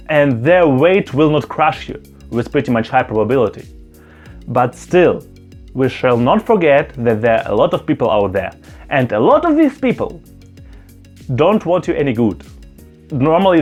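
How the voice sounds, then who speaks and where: A YouTuber, a non-native English speaker from a Russian-speaking background whose first language is not German, speaks straight to the camera indoors in an opinion vlog. He is earnest and emphatic, repeating phrases for stress. His mid-range voice is a little mellow, and the recording sounds muffled.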